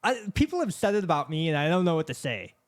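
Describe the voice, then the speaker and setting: Very animated and fast, a man with a lisp and a voice on the high side hosts a casual podcast chat, earnest, rambling and packed with fillers. He's recorded dry through a studio microphone on a podcast set with camera and microphones.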